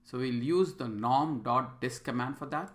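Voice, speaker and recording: A man giving an instructional lecture as a teacher, speaking in a measured, deliberate way as if dictating terms step by step. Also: medium pitch. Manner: measured, deliberate dictating of terms and formulas in short separated phrases. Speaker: statistics lecturer.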